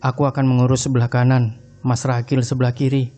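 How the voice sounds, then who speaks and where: Man as a calm, measured cleric. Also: medium pitch, close to an everyday voice. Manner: measured and instructive. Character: calm male Islamic boarding school cleric.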